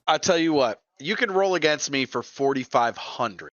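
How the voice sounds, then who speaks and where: A man's voice: mid-range voice, lively intonation, normal speed, a bit bright, no echo. A man narrating a tabletop game as its game master, loose and casual, laughing often. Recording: dull, lo-fi and dry.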